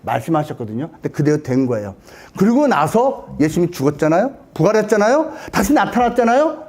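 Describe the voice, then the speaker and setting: Male preacher, sermon storytelling, lively swinging pitch, fairly high voice, keeps quizzing listeners. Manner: animated, dramatic retelling with questions to the audience.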